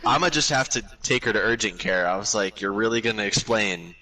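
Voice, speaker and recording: A young man spins a crude story in casual game chat, cursing freely and acting out every line he quotes. His voice is bright and forward, with a sharp edge to it. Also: on the low side, a little fast, low-quality recording. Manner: profane, animated storyteller who acts out the quotes. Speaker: gamer telling a story.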